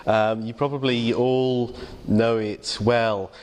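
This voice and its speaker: A man's voice: mid-range voice, steady tone, slow, darkish tone. An English man giving an informal, conversational sermon reflection in church, with many fillers and restarts. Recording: long reverb of a church hall.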